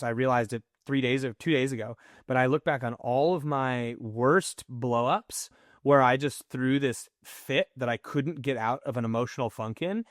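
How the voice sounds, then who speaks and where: A man's voice: medium pitch, no echo, clean studio sound. A man co-hosting a podcast in casual conversation, telling personal stories candidly and acting out his own inner voice. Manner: candid, animated storytelling with mimicked inner voices. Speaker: podcast co-host.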